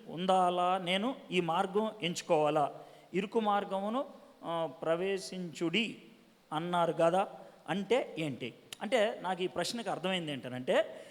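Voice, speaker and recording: A man evangelist answering young people's questions at a conference, preaching with rhetorical questions, pressing the audience for answers, and dropping English words into his talk. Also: sits high. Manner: mixes English words into speech. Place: conference hall. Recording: long hall reverb.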